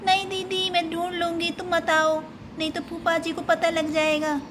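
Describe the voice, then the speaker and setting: A woman's voice: very high voice, monotone, moderate pace, background noise. Woman voicing a whiny little girl doll. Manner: whiny, pleading. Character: small timid girl doll. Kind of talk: doll play storytelling.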